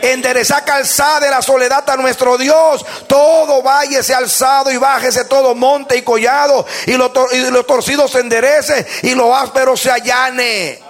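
A man preaching a sermon, loud and impassioned, leading his congregation in call-and-response. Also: very high voice, fairly even intonation, moderate pace, few pauses. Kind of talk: fervent sermon.

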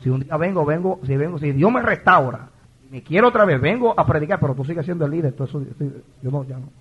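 A man's voice: a little high, lively intonation, quick pace, husky, highs cut off. A man in his forties preaching an impassioned, emotional sermon, often stumbling and repeating words as he testifies. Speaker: pastor.

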